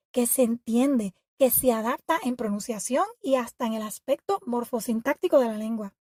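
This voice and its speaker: A woman hosting an educational podcast, reading a scripted narration in a measured, reflective and explanatory way. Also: sits high, a little mellow, dry recording, clean studio sound. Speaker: podcast host.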